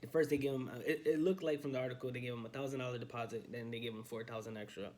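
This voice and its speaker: In a morning vlog shot handheld on a phone camera in his home study, a young man who works as a realtor chats in a loose, upbeat way full of fillers. His medium-pitched voice is fairly even in intonation, a little mellow, and he talks at a racing pace.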